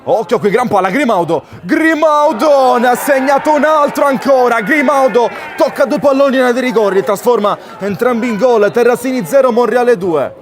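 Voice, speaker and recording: Excited man shouting goal commentary. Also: very high voice, normal speed, few pauses. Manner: urgent, excited goal calls, shouting at peaks. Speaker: football match commentator. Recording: outdoor stadium crowd noise. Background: crowd at an outdoor ground.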